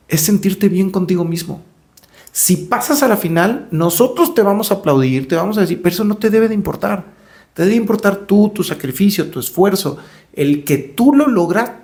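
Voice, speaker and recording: His voice is high but darkish in tone: a middle-aged man with a Mexican accent telling stories on a podcast. In the conversational interview he sounds reflective and repeats words while searching for them.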